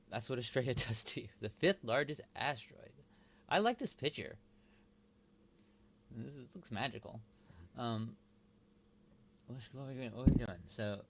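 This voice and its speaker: Guy muttering to himself while he works, kinda gravelly, halting and low-key. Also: a little hiss or hum. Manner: mumbling, halting, talks to himself. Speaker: video host. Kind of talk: thinking aloud while working.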